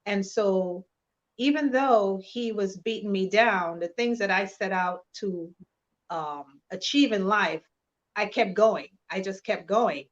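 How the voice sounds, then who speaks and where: A woman speaks as an interview guest. She is measured and sincere and pauses often between thoughts. Her mid-pitched voice comes through a slightly dull, lo-fi video call line. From Trinidad and Tobago. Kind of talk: personal testimony in an interview.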